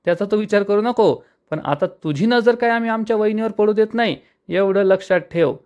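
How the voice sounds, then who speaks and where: A mischievous young brother-in-law who teases an aunt, as a male narrator puts him on. His voice is pitched up and cheeky. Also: a little fast, darkish tone, highs cut off, natural voice. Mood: teasing. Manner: teasing, raised.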